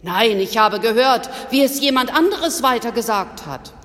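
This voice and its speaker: Excited gossiping townsman, read by a woman, hurried, eager, church reverb. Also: on the high side. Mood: sheepish. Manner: hurried, breathless telling. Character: excited gossiping man from old Athens.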